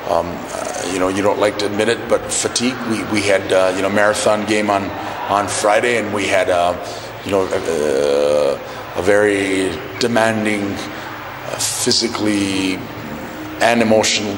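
A middle-aged man, a national team coach, giving a measured postgame interview in an arena press area and often repeating words as he searches for phrasing. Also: on the low side, steady tone. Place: indoor arena press area by a sponsor wall. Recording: echoey arena hall with noise.

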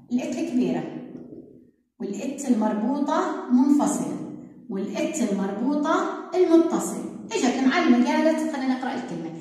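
A woman's voice: high-pitched, mellow. Sing-song woman teacher, echoey room. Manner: sing-song, drawn-out syllables for children. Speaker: first-grade Arabic teacher. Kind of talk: online classroom lesson.

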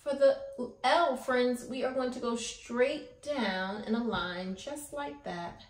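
A fairly high-pitched woman takes her time as she instructs young children. She's a preschool teacher in her thirties hosting an art lesson, offering encouragement and frequent questions inside a small, echoey classroom-style room.

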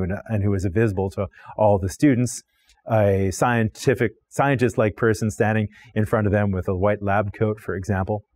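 A man's voice: lowish voice, darkish tone, no room sound. A middle-aged man explaining ideas in a recorded online course lecture, talking freely with frequent restarts and repeated words, filmed in a studio. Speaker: philosophy lecturer. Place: studio with plain backdrop.

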